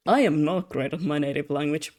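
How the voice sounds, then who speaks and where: A young adult streamer, Russian by first language, chats fairly quickly while drawing commissions, the mid-pitched voice darkish and tired with slightly slurred words. Their casual talk on the streaming mic rambles into self-mockery and is often broken by laughter.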